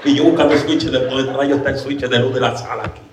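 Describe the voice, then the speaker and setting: A man preaching in a church, telling a comic story in an animated way and now and then switching into English. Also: medium pitch, fast, crowd noise. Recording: very echoey church hall, mic from far off.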